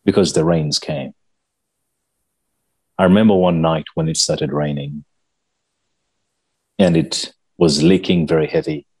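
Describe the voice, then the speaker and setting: A man from Uganda telling his life story as an interview guest, in a slow, earnest, measured way. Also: rumbling low, fairly even intonation, darkish tone, slightly rough.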